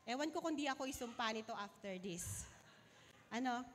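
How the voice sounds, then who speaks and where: A woman's voice: fairly high pitch, lively intonation, moderate pace, a little hiss or hum. A woman pastor preaching a sermon, earnestly asking her congregation questions, still recovering from a fever. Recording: long hall reverb.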